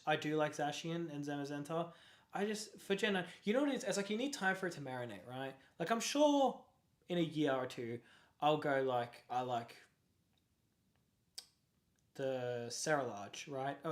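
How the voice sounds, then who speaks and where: A young Australian card-collecting livestreamer talks off the cuff in a mid-pitched voice. Their excitable, rambling delivery is full of quick apologies and laughter, sounding like relaxed live chat rather than a script.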